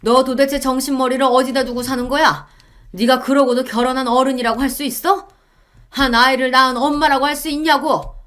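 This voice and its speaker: Harsh scolding old dad, a woman putting on his voice, kinda high. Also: fairly quick, close to an everyday voice. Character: stern angry older father-in-law.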